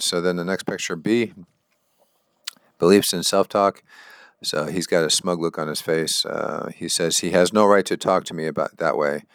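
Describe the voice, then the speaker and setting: A man's voice: sits low, vocal fry, a bit bright, no echo. A man teaching a lesson, reading workbook exercises aloud in a plain, matter-of-fact way and adding his own explanations. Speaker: instructor.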